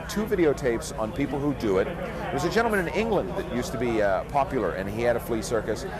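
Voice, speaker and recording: A man who works as a flea circus showman giving earnest, reflective answers in a casual interview. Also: mid-range voice. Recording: outdoor recording amid crowd chatter. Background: crowd and street noise outdoors.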